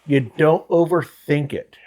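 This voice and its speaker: A man co-hosting a podcast in casual, profane chat, easygoing and quick to agree. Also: fairly high pitch, a little mellow. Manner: laid-back, profane, laughs along. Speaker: podcast co-host.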